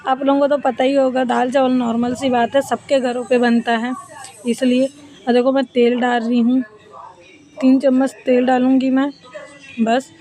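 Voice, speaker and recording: A woman's voice: high voice, mellow. A woman in her thirties narrating a casual home vlog, chatting with viewers as friends while she cooks and her family plays. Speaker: family vlogger.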